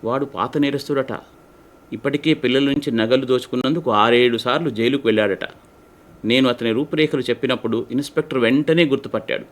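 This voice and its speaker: A grave, steady father from a children's storybook, as a male reader plays him. He speaks in a sober, even mid-pitched voice, calming his wife. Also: a little fast, natural voice. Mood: serious. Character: worried father of the house.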